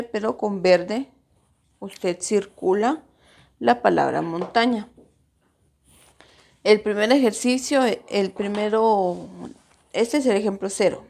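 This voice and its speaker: With a creaky, somewhat mellow mid-range voice, a woman teaches grammar, addressing her pupils directly. She patiently lengthens syllables to mark where the stress lands.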